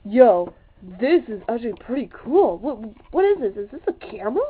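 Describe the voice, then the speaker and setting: A woman's voice: a little high, sing-song, moderate pace, slightly rough, no echo. A female performer playing a curious, slangy kid sidekick who eggs a friend on in a comedy skit. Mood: curious, sneaky. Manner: slangy, repetitive egging-on. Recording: tinny phone-like home video sound.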